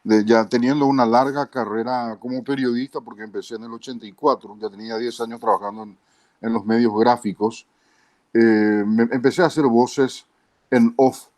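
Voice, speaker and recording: A man's voice: medium pitch, steady tone, darkish tone, no room sound. Man in his fifties, Paraguayan accent. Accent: Paraguayan Spanish. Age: 50s. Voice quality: trained, clear diction. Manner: measured, tags lines with a questioning aside. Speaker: guest, broadcaster and journalist. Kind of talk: interview storytelling.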